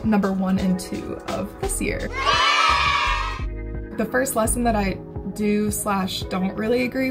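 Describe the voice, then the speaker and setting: A woman in her twenties talking to camera in a candid, chatty way, swearing casually now and then. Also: mid-range voice. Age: 20s. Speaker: vlogger. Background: background music.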